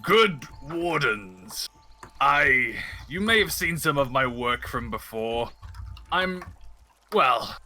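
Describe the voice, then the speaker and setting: A man plays a boastful, hulking warrior from a tabletop game who speaks with a bright, forceful edge. His voice swings widely in pitch. He talks at an unhurried pace with theatrical swagger. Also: a little hiss or hum, heavily acted.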